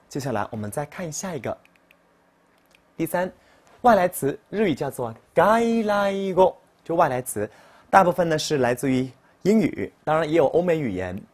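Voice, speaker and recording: A man teaching a pronunciation lesson, explaining in Chinese and repeating each example word louder and higher. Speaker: Japanese teacher.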